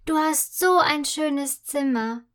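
A woman's voice: sits high, lively intonation, very slow, fairly bright tone, full character voice. A woman voicing a shy young maid girl who stammers when unsure, in a storybook. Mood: shy delight.

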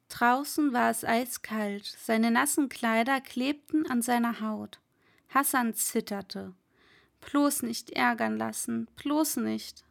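Woman narrator, higher voice, slow measured storybook reading. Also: creaky. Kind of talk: read-aloud story narration.

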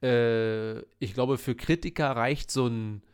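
Male podcast co-host, casual film chat, dry teasing delivery, relaxed. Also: mid-range voice, takes it slowly, clean tone.

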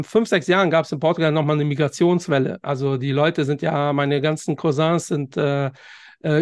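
A man's voice: on the high side, no room sound. Hesitant Cologne man, dry sound. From Germany. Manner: hesitant, many fillers. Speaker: podcast host. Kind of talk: podcast interview.

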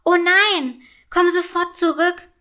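A woman voicing an excitable young girl who talks eagerly and stammers when caught out. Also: high-pitched, measured pace. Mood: excited.

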